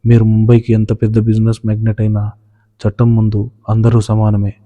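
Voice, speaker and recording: Casting: curt police inspector, read by a man, low dark level voice, hall reverb. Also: monotone, a little fast, dull audio, natural voice. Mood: stern. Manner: curt, official. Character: stern, harsh middle-aged police inspector.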